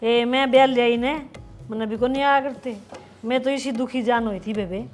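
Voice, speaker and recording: Music plays under a high female voice. An actress plays a middle-aged wicked stepmother from a Haryanvi family serial, grumbling and full of self-pity as she airs her grievances in a strong Haryanvi accent. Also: steady tone, normal speed, natural voice. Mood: bitter grumbling. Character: resentful, complaining stepmother and mother-in-law in village family. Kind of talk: web serial family drama acting.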